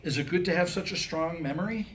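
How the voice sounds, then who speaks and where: A fast, fairly high-pitched voice with a bit of brightness belongs to a man in his sixties. He is doing a staged reading of jokes and comic monologue, wryly voicing the dialogue, in a live room recording with background noise.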